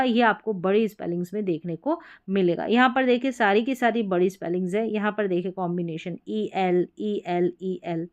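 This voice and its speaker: Smooth-voiced woman teaching pronunciation. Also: medium pitch. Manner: patient, repeats words slowly and often asks the learner questions. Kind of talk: explaining spelling rules from a board.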